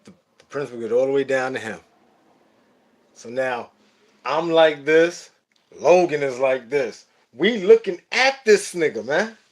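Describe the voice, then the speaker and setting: A man hosting a livestream, telling a story in an animated, profane, casual way. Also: medium pitch, a little slow. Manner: animated and profane, laughing at his own story. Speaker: livestream host.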